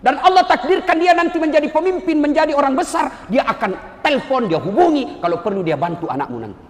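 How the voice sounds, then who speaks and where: A man preaching a lively sermon to soldiers, acting out little dialogues and swinging between loud exclamations and soft asides. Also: very high-pitched, quick pace. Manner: acts out dialogues with changed voice. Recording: echoey hall with faint ambience.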